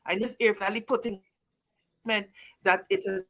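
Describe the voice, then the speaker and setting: A woman's voice: medium pitch, steady tone, normal speed, a bit bright. A woman, an opposition politician, speaking emphatically and repeating phrases for force, while her video call stream keeps dropping in quality and breaking up. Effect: stream quality dropping, audio breaking up. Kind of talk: impassioned political commentary as a remote guest.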